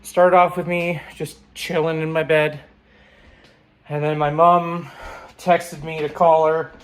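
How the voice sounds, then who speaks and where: A man's voice: on the high side, flat delivery, takes it slowly, a little hiss or hum. Young guy vlogging casually, kinda rambling and candid, sighs a lot, swears now and then. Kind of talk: casual confessional vlog.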